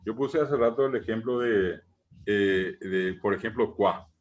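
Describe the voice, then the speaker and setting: Patient teacher, muffled call audio. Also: male voice, fairly low pitch, a little slow. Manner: patient, repeats examples, many "eh" fillers and "¿verdad?". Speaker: Guaraní language teacher. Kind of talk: explanatory online class.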